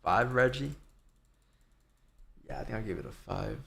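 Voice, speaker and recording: Guy with a lowish gravelly voice, casual livestream commentary, kinda rambling as he thinks out loud. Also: animated, unhurried. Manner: informal, rambling, thinking aloud. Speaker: live trading stream host. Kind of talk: casual live market commentary.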